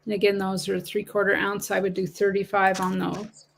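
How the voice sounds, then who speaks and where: A woman's voice: medium pitch, completely flat delivery, normal speed, creaky, a little hiss or hum. A woman casually chatting and selling coins on a livestream, rambling through stories and laughing easily. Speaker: livestream coin seller.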